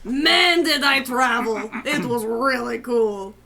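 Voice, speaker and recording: A woman voicing a tiny, lost, excitable female adventurer in a tabletop game, calling out plaintively in drawn-out words. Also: fairly high pitch, vocal fry, crowd noise, full character voice. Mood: excited, plaintive. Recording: faint background noise.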